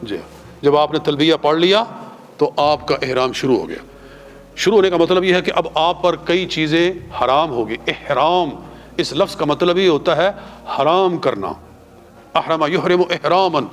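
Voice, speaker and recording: A man with a Punjabi-influenced Urdu accent teaching a class on pilgrimage rites. He has his listeners repeat prayers after him, slowly and drawn out. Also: on the high side, lively intonation. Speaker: religious teacher.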